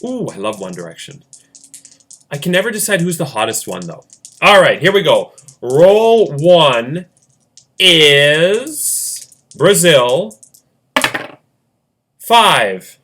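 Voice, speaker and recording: A man's voice: a little high, huge pitch swings, normal speed, sharp tone, husky. A man hosting a fan-made game, calling rolls and moves in casual play-by-play narration with jokey asides. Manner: chatty, jokey asides, laughs often. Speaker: host running a fan game.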